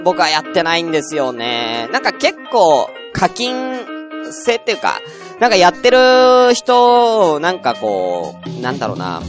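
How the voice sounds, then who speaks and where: Solo net-radio host, man, going hoarse, grumbly, very animated pitch. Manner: grumbling, venting frustration. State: voice getting hoarse. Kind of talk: unedited solo internet radio chat.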